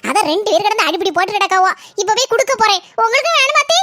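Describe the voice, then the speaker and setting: A woman's voice: extremely high pitch, lively intonation, racing, heavy background noise. A woman voicing a greedy, scheming older village mother-in-law in a cartoon, nagging and scolding with a southern Tamil accent. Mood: wheedling. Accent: southern Tamil (Tirunelveli–Kanyakumari). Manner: nagging, scolding, grumbling in rural slang. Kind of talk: cartoon comedy voice acting.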